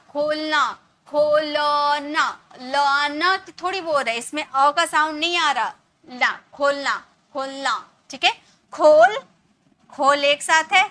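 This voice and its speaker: Bright, high-voiced woman teaching spelling. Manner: patient, repeats words slowly to show their sounds. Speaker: English teacher. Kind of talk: spelling lesson.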